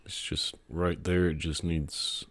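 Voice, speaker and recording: A man's voice: low voice, little pitch movement, slow pace, fairly bright tone. A man chatting casually as co-host of a podcast. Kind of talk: casual chat.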